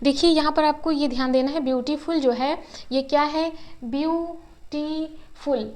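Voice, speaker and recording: A woman teaching an English grammar lesson in a classroom style. She asks questions and answers them herself, and she spells words out slowly, syllable by syllable. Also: high voice, steady tone, a little mellow. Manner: slow, syllable-by-syllable word spelling.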